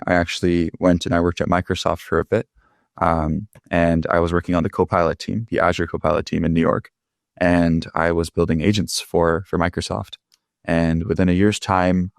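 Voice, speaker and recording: A young man from California, a startup founder guest in a casual interview, talking in a relaxed, rambling way with many fillers, calling in from home. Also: low-pitched, gravelly, no room sound, clean studio sound. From California, Bay Area. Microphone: remote call.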